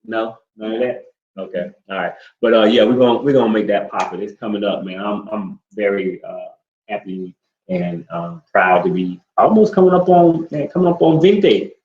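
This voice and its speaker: A man's voice: on the low side, normal speed. Laid-back rambling man, echoey room. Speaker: co-host. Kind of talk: casual couple chat. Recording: echoey room, dull lo-fi sound.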